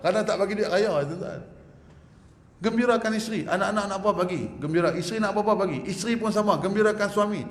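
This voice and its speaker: A man preaching a religious lecture in a mosque prayer hall. He is lively and joking, often asks the audience to agree with him, and ends with a prayer. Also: high voice, quick pace. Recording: echoey hall with faint background hum.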